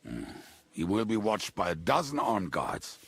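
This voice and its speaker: A gravelly, blackout-drunk robber. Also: male voice, on the low side, wildly swooping pitch, unhurried, a bit bright, no echo, exaggerated voice. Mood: grim. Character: drunken, gruff, bitter male robber and henchman. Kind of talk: video game dialogue acting.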